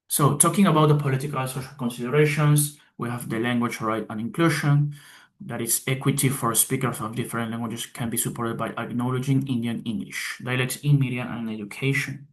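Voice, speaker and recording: A man presenting a class talk, reading his slides aloud haltingly, with pauses and restarts. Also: medium pitch. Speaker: student presenter.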